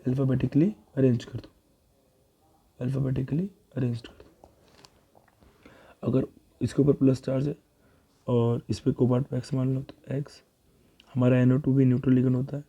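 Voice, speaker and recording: Flat-voiced man teaching chemistry. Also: mid-range voice, breathy edge, lo-fi sound. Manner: talks students through worked examples, calls them beta; thinks aloud and corrects himself. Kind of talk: exam revision lesson.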